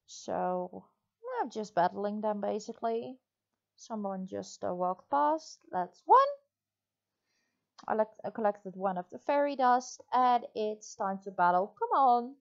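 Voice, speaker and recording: A woman's voice: medium pitch, measured pace, gravelly, lo-fi sound. A woman giving casual gameplay commentary, talking through what she is doing. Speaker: gamer commentator. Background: faint game music.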